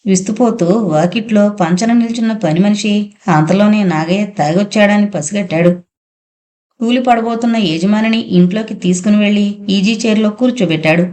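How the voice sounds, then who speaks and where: A woman narrating a novel as an audiobook in a steady storytelling manner. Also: mid-range voice, fairly quick. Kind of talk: scripted narration.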